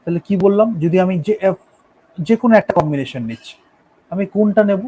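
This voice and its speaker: A man's voice: high-pitched, lively intonation, quick pace, warm tone, low-quality recording. A man teaching a lesson, explaining each step in turn and often checking that his listeners follow. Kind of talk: classroom lecture on poetic meter.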